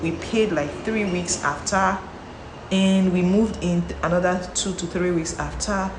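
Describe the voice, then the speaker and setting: Chatting to camera, a vlogger, a young woman with a Nigerian accent, speaks a little slowly in a lowish voice. Her free-flowing talk is full of restarts and repeated words, recorded in an echoey room with faint background noise.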